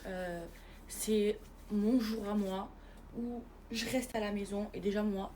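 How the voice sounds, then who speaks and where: A woman's voice: medium pitch, slight background noise. Chatty young woman vlogging from bed. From France. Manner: chatty, hushed at night, calls viewers "les filles". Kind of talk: casual chat to viewers. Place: bedroom, in bed.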